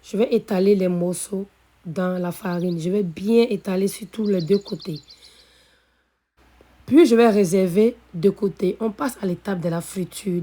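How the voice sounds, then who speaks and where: A woman hosting a cooking video, calmly narrating each recipe step, her voice a little hoarse from being ill. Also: lowish voice. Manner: calm, methodical, repeats set phrases. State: slightly hoarse from illness. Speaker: cooking channel host.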